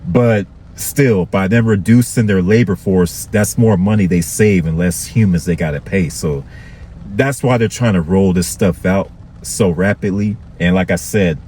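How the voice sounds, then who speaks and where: Male vlogger, very deep, conversational commentary, faint background noise. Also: measured pace, mellow. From Florida. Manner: conversational, repetitive, addresses viewers with "okay". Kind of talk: casual commentary to viewers.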